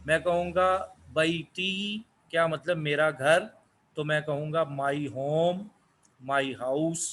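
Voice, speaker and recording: A man whose first language is Urdu, giving a slow English lesson, asking questions and answering them himself. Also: a little high, steady tone, a bit bright, slight background noise. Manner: asks questions then answers them, repeats words. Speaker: English teacher.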